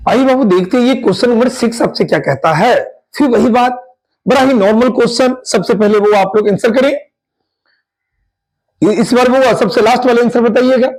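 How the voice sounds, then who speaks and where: A man's voice: high-pitched, darkish tone, low-quality recording. A man teaching an exam-prep English grammar lesson, drawing out his explanations and asking his students repeated questions.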